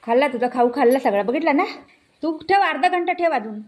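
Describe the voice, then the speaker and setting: A woman filming her pets at home, coaxing them in high baby-talk while explaining to viewers. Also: expressive, fairly quick, a little mellow. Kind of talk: casual home video chat.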